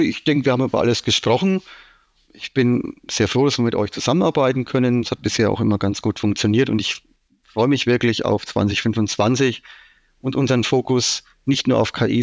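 This man, an IT manager from Franconia with a Franconian German accent, is interviewed casually about business and explains things extensively, peppering his talk with fillers. His voice is medium-pitched and gravelly, with no echo.

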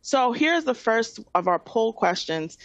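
A woman's voice: fairly high pitch, sing-song, unhurried, no echo, dull audio. A middle-aged woman from New York with a New York accent, presenting a webinar in an informal, explanatory way. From Queens, New York City, USA. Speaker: webinar presenter, nonprofit finance director.

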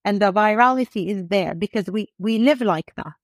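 A woman's voice: medium pitch, moderate pace, no echo. A middle-aged woman from the United Kingdom, speaking as a guest in a podcast interview in an enthusiastic, articulate and emphatic way. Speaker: guest, e-commerce executive.

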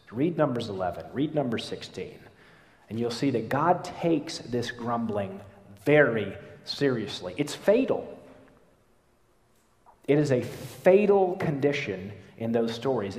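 A man preaching a sermon as a pastor, emphatic, sometimes pushing hard and sometimes dropping low. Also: darkish tone. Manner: emphatic preaching, rising and falling in intensity. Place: large church hall. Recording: echoey church hall, roomy reverb.

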